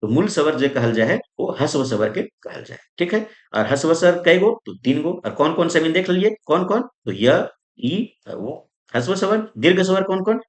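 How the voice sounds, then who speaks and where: A male grammar teacher, teaching in a lively, sing-song way that rises and falls. His voice rings around an echoey room. He fires questions at the class, answers them himself and keeps checking that everyone follows. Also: fairly high pitch, normal speed. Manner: constant checks like "isn't it?" and "okay?". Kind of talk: exam-prep grammar lesson.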